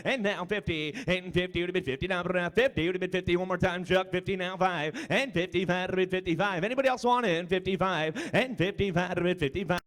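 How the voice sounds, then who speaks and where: A man's voice: high voice, fairly quick, few pauses, a bit bright. An American man calling bids in a rhythmic auctioneer chant, repeating numbers as he goes. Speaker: auctioneer, contest finalist.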